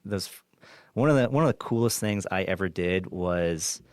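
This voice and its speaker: A man with a low, smooth, resonant voice talks loosely as an interview guest, restarting his sentences, laughing easily and dropping the odd swear. The sound is close and dry, with no room around it. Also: animated, normal speed, darkish tone, dry recording. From Kansas, US. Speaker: podcast guest, former assistant director. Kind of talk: casual interview chat.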